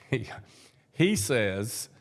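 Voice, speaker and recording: A man, a basketball coach chatting casually and telling stories, repeating words as he goes. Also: mid-range voice. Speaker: basketball coach and podcast co-host. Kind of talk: casual chat.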